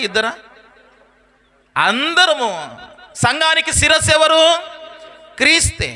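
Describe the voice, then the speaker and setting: A man preaching a sermon, firing questions at the congregation and answering them, his voice swinging between loud rising declarations and soft low drops. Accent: Telugu. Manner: call-and-response questions to the congregation. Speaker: pastor.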